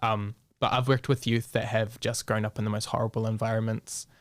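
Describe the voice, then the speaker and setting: A man's voice: on the low side, flat delivery, brisk, no room sound. A young man with a New Zealand accent, a guest speaking bluntly and frankly in a casual interview, swearing freely and mixing in Māori words.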